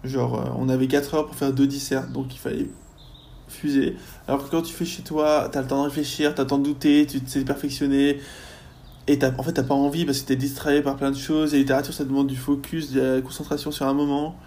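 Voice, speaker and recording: A young man, a university student, chatting casually in a podcast interview, often pausing on fillers as he thinks. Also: medium pitch, little pitch movement, warm tone. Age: young adult. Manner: chatty, lots of hesitations and fillers.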